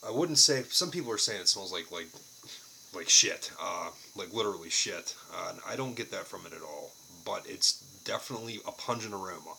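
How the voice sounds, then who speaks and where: A man's voice: low-pitched, expressive, brisk, gravelly, pushed and bright, a little hiss or hum, poor audio. A man giving a casual, unscripted product review to camera, plain-spoken and casually profane.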